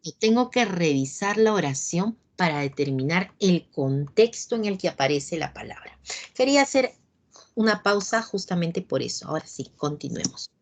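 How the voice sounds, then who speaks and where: A woman's voice: on the low side, lively intonation, normal speed. A woman teacher leading an online class, patiently asking her students questions over a video call.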